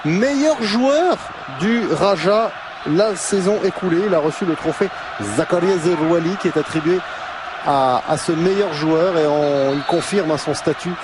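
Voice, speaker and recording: Man, high pitch, football co-commentary, replay analysis, halting phrasing, noisy background. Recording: clear ambient noise behind the voice.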